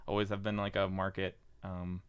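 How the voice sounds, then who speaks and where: A young man, a podcast guest, chatting casually with jokes and halting fillers. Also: low voice, monotone, smooth, no room sound. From Indiana. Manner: joking, self-deprecating, halting with fillers. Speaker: podcast guest, market board member. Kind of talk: casual interview chat.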